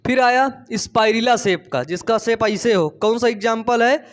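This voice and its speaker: A man's voice: extremely high pitch, normal speed. A man teaching biology in a playful storytelling way, asking his students questions and repeating the key terms. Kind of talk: storytelling classroom lecture.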